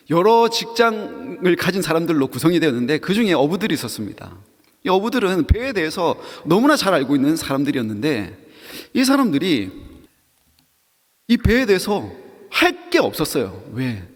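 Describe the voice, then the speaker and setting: A man's voice: on the high side, husky, long reverb tail. A man preaching a sermon to young adults, telling a story with acted quotes and questions to the audience. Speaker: pastor.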